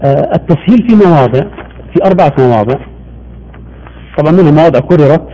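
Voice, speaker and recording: A man's voice: on the high side, animated, fast talker, highs cut off. A man teaching the rules of Quran recitation in a televised lesson, explaining patiently, repeating points and giving short assents.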